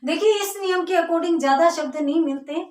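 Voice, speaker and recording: A woman's voice: very high-pitched, moderate pace, darkish tone, recorded from a distance. A woman teaching a grammar lesson, explaining step by step and answering her own questions. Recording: echoey room, voice from off mic.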